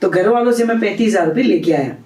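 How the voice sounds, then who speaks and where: A man's voice: sits high, fast, a little mellow. A young man telling his story in an interview, acting out the dialogue of the people in it. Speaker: interview guest. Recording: roomy, distant from the mic.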